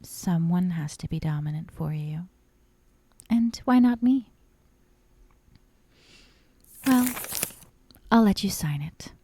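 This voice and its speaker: Giddy and thrilled, a woman voices a possessive, dominant young yandere kidnapper in an ASMR roleplay addressed straight to the listener. Her voice sits on the low side, soft and breathy, frequently slipping into whispers as she teases and coaxes slowly, sweetly menacing with veiled threats, recorded on a close, dry microphone.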